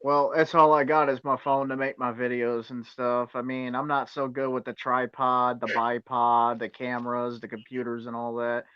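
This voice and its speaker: A man's voice: medium pitch, little pitch movement, moderate pace, few pauses, smooth, no room sound. A man joining a livestream, chatting in an easygoing, self-deprecating way. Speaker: livestream guest. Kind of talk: casual chat. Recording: dry dull phone audio.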